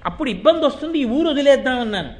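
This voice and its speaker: Man doing a weeping Brahmin householder, high voice, pleading, distressed, storytelling. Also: lively intonation, racing.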